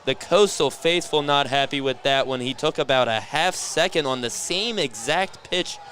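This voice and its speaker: A man's voice: medium pitch, normal speed, a bit bright, a little hiss or hum. A young man commentating on college baseball for student radio, laid-back with a dry sense of humor. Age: young adult. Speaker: color commentator.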